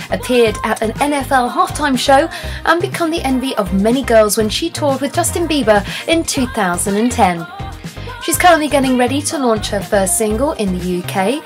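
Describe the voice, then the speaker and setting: A woman presenting and hosting a showbiz interview in a lively, presenter-style delivery. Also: on the high side.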